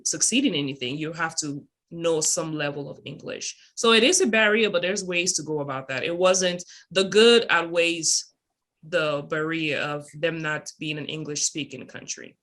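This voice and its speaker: Bright-voiced chatty businesswoman. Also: low-pitched. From Cameroon. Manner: chatty, many fillers, upbeat. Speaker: guest entrepreneur. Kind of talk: casual interview answers.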